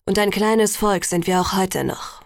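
Brief: woman reading old elder telling legends, solemn and measured, dry close sound. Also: medium pitch, steady tone, no echo, lightly acted. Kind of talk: audiobook reading.

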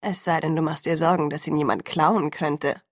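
A woman reading the lines of a brooding, protective teenage vampire boy, quiet and insistent, in an audiobook. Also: sits low, steady tone, moderate pace, no echo, studio quality. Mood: serious.

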